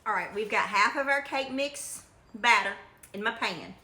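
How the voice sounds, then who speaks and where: A woman's voice: on the high side, moderate pace, pushed and bright. A middle-aged woman with a Kentucky accent, chatting in a folksy, homespun way as she demonstrates home cooking. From Kentucky, United States. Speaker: home cook presenting a recipe. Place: home kitchen, indoors. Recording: echoey room with faint noise.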